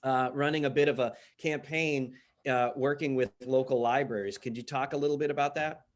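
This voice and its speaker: A man with a mid-range voice and steady tone talks fairly quickly as interviewer and host of a casual promotional chat over an online call from a virtual studio. He is informal and often repeats himself for emphasis.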